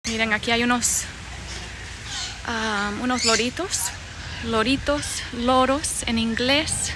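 Woman from Bolivia, slow outdoor live stream. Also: fairly high pitch, fairly even intonation. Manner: chatty, reads out and greets viewers' messages. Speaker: vlogger hosting a live stream. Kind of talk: casual live-stream chat. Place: outdoor garden with birds. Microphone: phone held at arm's length. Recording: noisy outdoor phone recording. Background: birds and outdoor ambience.

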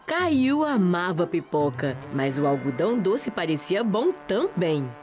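A woman's voice: lowish voice, sing-song, a little slow, darkish tone, soft background music. A woman narrating a children's cartoon as a storyteller, reading scripted lines.

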